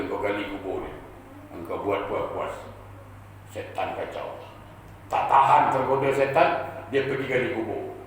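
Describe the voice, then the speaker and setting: A man preaching a storytelling sermon, lively, with joking asides and rhetorical questions to the crowd. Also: lowish voice, a little hiss or hum. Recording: echoey hall, distant mic, faint ambience.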